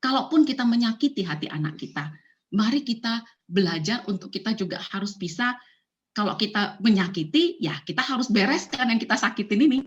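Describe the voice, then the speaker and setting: A woman's voice: medium pitch, lively intonation, fairly quick, lo-fi sound. Woman preaching in a conversational way. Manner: conversational, mixes English phrases, many fillers and rhetorical questions. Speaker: church speaker. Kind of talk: sermon on parenting.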